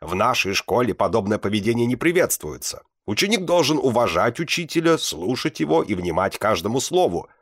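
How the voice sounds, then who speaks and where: A man's voice: medium pitch, very animated, brisk, hardly any pauses, fairly bright tone, no room sound, voice pushed up. Man doing a pompous old headmaster, droning, dry mic. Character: pompous older male school director. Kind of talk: audiobook reading.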